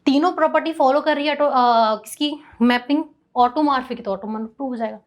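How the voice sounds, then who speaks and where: A woman's voice: sits high, brisk. A young woman teaching a math lecture, asking questions and answering them herself.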